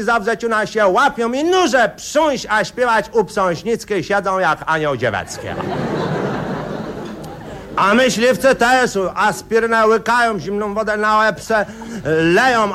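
A man spins a satirical tale in a rambling, folksy way. His voice sits high, and his talk is thick with fillers. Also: pushed and bright, slight background noise. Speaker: comic storyteller. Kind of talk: satirical radio monologue.

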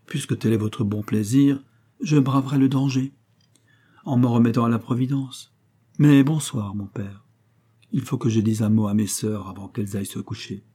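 A man reading aloud, voicing a lovestruck young gentleman who speaks in an ardent, pedantic way. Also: medium pitch, fairly even intonation, moderate pace, breathy edge, close to an everyday voice.

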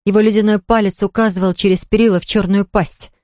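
A woman narrating a children's story aloud in a lively, expressive reading. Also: medium pitch, quick pace, no echo, studio quality. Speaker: audiobook reader.

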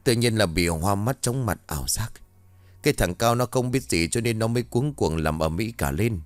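A man's voice: lowish voice, expressive, normal speed, no echo, close to an everyday voice. A man voicing a weak, shaken middle-aged man who speaks faintly. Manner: feeble, faint.

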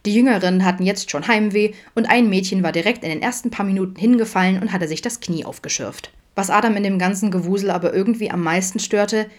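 A woman reading a fan fiction audiobook aloud in a steady storytelling manner. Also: medium pitch, fast, few pauses. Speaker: audiobook reader.

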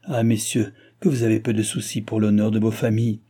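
A man's voice: on the low side, flat delivery, fairly quick, dark tone, breathy edge. A man voicing a proud, outraged noblewoman, a duchess, speaking in an indignant, pleading and emphatic way.

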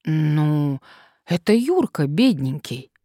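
A woman's voice: sits low, very animated, takes it slowly, warm tone, no room sound, clean studio sound, exaggerated voice. A woman reading an audiobook, voicing a timid middle-aged man who whines and stammers nervously. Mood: nervous whining. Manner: whining, stammering.

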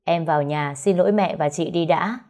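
A woman voicing a young husband who speaks flatly and reluctantly. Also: sits low, moderate pace, close to an everyday voice. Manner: flat, reluctant. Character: cold young husband, weak-willed.

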